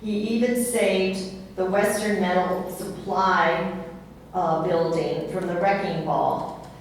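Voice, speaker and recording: A woman's voice: fairly low pitch, fairly even intonation, slow. A middle-aged woman from San Diego giving a prepared introduction at an event, reading a biography aloud with occasional fillers. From San Diego, United States. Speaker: speaker introducing her father at an event. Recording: echoey hall, voice from far off, faint hiss.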